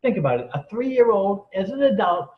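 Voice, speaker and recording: Very animated and high-voiced, a man speaks at a moderate pace as an interview guest. He tells earnest, emphatic stories, acting out and quoting the people in them, in a roomy, dull lo-fi recording.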